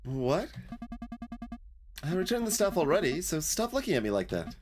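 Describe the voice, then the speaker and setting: A man's voice: on the high side, sing-song, moderate pace, soft background music, voice pushed up. A man reading aloud the lines of a cheeky, evasive young female thief from a video game, in a wheedling, excuse-making way. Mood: grudging.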